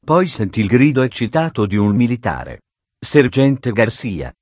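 A man narrating an adventure storybook in a steady, dramatic reading on a close studio microphone. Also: mid-range voice, brisk, dry recording, muffled recording. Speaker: audiobook narrator.

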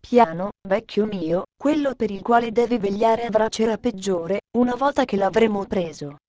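A woman voicing a firm, commanding wealthy gentleman in a storybook reading. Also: medium pitch, moderate pace, no room sound, highs cut off, natural voice.

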